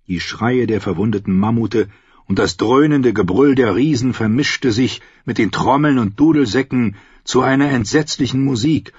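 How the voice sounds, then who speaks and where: A man reading a fantasy audiobook aloud, steady storytelling that bursts into loudly shouted battle commands. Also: medium pitch, slightly rough, dry recording, muffled recording. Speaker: audiobook narrator.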